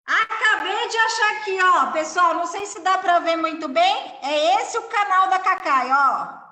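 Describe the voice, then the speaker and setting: A woman's voice: extremely high pitch, measured pace, sharp tone. A woman moderating an online event over a video call. She speaks encouragingly and addresses the audience directly. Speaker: event mediator. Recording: roomy echo.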